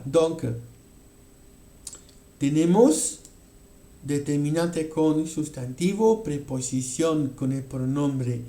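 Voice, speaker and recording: A man's voice: on the high side, mellow, reverberant. A man teaching a French pronunciation lesson, repeating words aloud several times and often checking in with his students. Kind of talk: explanatory language lesson.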